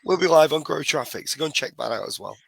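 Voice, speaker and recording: A man with a croaky voice, hoarse from a cold, chatting casually as a podcast co-host and explaining things in a halting, self-correcting way. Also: fairly high pitch, animated, fairly bright tone, no echo.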